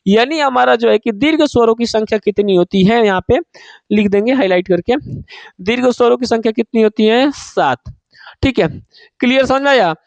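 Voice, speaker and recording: A man's voice: creaky, dry recording. A man teaching a Hindi class for exam students, asking questions and answering them himself, repeating each point and calling students "babu". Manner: chants a mantra slowly in a low voice. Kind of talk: online exam-prep class.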